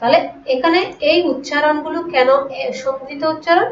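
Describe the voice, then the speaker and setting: A woman's voice: sits high, a little hiss or hum. Woman teacher, echoey distant online class. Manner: explains slowly, repeats example words, asks rhetorical questions. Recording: echoey room, distant lo-fi mic.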